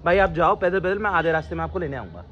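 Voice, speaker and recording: A man's voice: fairly high pitch, lively intonation, racing, muffled recording, slight background noise. A young man chatting to his viewers in a casual, joking travel vlog, talking them through his day on a trip. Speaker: vlogger.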